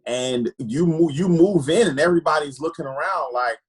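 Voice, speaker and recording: A man from Trinidad, speaking as an optometrist guest, tells personal stories earnestly. His voice is somewhat husky and sits a little high for a man. He often stumbles over repeated words as he gathers his thoughts. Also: normal speed, low-quality recording. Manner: earnest, repeats words while searching for them. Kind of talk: candid personal storytelling.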